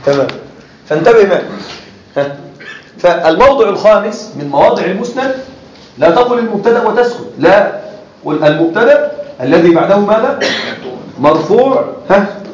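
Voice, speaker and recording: A man's voice: sits high, expressive, brisk, pauses often, a little mellow. A man teaching a class in a lecture style, often stopping to ask whether his students are following. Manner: keeps checking that students follow. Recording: echoey classroom.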